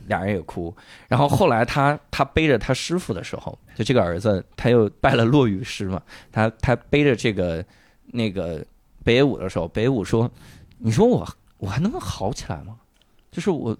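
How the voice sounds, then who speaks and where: Animated male storyteller with a lively voice. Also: mid-range voice, no echo, studio quality. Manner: animated storytelling, acts out lines with loud swearing outbursts. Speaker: podcast co-host. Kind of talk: casual chat retelling a drama plot.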